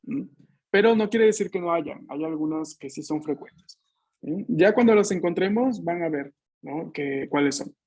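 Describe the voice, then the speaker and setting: A man teaching a Japanese class online over a video call. He explains patiently, models sounds slowly for his students to repeat, and often ends phrases with tag questions. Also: on the high side, darkish tone, breathy edge.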